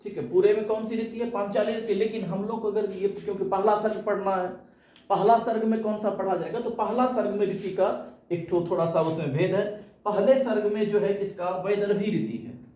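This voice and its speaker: A man teaching a live coaching class, with a high voice and an echoey room around him. He puts a question to his listeners and answers it himself, and at times he chants verses in a recitation tone. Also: steady tone, normal speed, mellow. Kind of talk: live online exam-coaching lesson.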